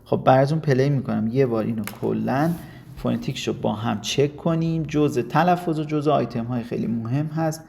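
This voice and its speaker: A man from Iran, teaching a casual video lesson and coaxing students while slipping in slow English. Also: mid-range voice, gravelly, dark tone, slightly rough.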